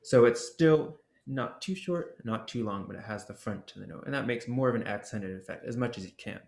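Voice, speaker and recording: A man's voice: medium pitch, brisk, creaky, darkish tone. Man teaching in a roomy space. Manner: casual, explains with demonstration syllables and fillers. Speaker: ocarina workshop presenter. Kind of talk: instructional explanation. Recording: roomy echo.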